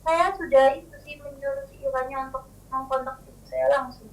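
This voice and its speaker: Phoning in, a young woman poses a casual question in a high voice with fairly even intonation, talking fairly quickly. She hesitates and restarts with plenty of fillers, and her audio is choppy, breaking up, and distant, as if off-mic.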